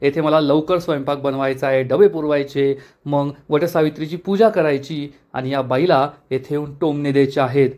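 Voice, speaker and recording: A man voicing a proud, quick-tempered young wife who answers back curtly. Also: fairly high pitch, darkish tone, natural voice. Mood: muttering. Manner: curt, defiant.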